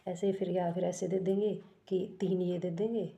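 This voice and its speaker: Mellow-voiced woman teaching grammar. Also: fairly low pitch, little pitch movement, moderate pace, creaky, dull audio. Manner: explains step by step, asking and answering her own questions; corrects herself often mid-sentence. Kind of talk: exam-prep grammar lesson.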